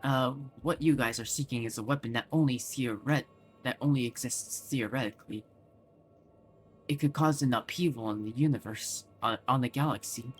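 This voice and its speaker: A man voicing a wry older male scientist in a lowered, slow old man voice, reading game dialogue aloud. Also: faint music behind, lightly acted.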